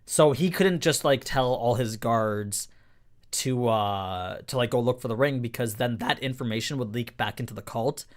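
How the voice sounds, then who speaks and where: A young man chats casually during a live stream, reading the chat as he goes. His mid-range voice is slightly hoarse and moves at a moderate pace, and he rambles with fillers and restarts.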